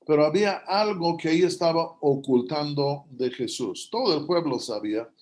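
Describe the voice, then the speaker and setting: A man's voice: fairly high pitch, moderate pace, darkish tone. A man preaching a sermon, retelling Bible stories and acting out their dialogue in a storytelling manner.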